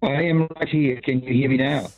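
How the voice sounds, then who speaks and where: Male gardening regular on a broken phone link, underwater-sounding and gurgly; tinny line, quick upbeat chat. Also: mid-range voice, steady tone. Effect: garbled, underwater-sounding bad phone connection. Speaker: regular gardening expert on radio. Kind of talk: casual radio chat over a phone line. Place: at home.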